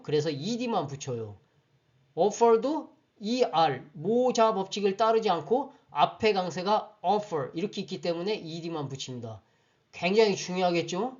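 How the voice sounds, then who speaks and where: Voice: mid-range voice, darkish tone, dull audio. A teacher giving an online grammar lecture, explaining step by step and often checking whether listeners follow. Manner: patient, explanatory, often checks understanding with questions.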